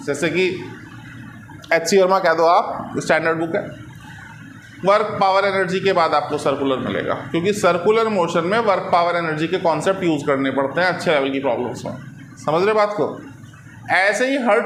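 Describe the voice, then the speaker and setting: A man's voice: high-pitched, fairly bright tone, roomy sound, slight background noise. A man teaching physics in a classroom lecture, explaining patiently and often checking that students follow. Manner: explains patiently, keeps asking "ठीक है?" and "है ना".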